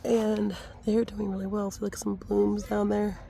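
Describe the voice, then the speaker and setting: Raspy-voiced woman with a cold. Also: medium pitch, level tone, normal speed, mellow. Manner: upbeat, thankful, points things out. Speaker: gardening vlogger. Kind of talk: casual garden tour. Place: outdoor home garden.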